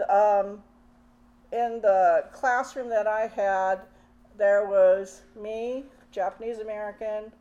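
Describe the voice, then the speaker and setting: An older woman, a poet, giving a reading of her own poems with casual spoken introductions between them, measured and unhurried. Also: medium pitch, mellow, lo-fi sound.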